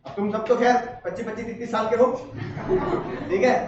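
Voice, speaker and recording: High-pitched guy teaching a law class, playful, teasing, lots of echo, far from the mic. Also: little pitch movement, fairly quick, highs cut off, noisy background. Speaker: law lecturer. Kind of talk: classroom lecture. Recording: distant echoey classroom recording.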